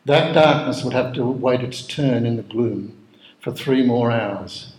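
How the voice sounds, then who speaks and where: A man narrating a dramatic story in a measured, solemn way. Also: mid-range voice, a little mellow. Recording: roomy echo.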